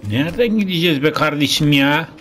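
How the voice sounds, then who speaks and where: A man's voice: on the high side, lively intonation, a little fast, slight background noise. A man commentating his own gameplay in a casual, grumbling way, cursing and getting easily frustrated as he plays. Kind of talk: casual let's play commentary. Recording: game music loud behind voice. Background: loud game music.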